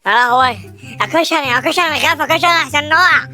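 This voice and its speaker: Someone doing a squeaky Egyptian boy. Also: rapid-fire, sharp tone, faint music behind. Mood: scared. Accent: Egyptian Arabic. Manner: squeaky, boastful then panicky, cursing in a high whine. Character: cheeky scared little Egyptian boy. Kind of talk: comedy skit voice acting.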